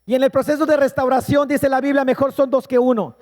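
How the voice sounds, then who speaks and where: A middle-aged man preaching from the pulpit, his voice sitting very high for a man. He tells personal stories in an earnest, emphatic way, and a long hall reverb trails after every phrase. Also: flat delivery, fast talker, a little mellow. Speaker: pastor. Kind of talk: sermon. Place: church hall.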